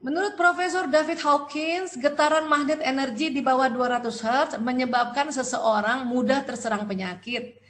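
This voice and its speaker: A middle-aged woman doctor giving a lecture, animated and asking and answering her own questions. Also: a little high.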